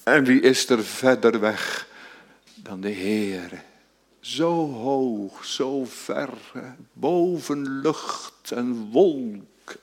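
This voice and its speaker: A male preacher delivering a sermon at a slow, unhurried pace. He speaks earnestly, often tags his sentences with a short "hè", and rises to fervent, stretched-out emphasis. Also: mid-range voice, lively intonation, a little mellow. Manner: earnest, rising to fervent emphasis with drawn-out words; frequent tag "hè" and restarts.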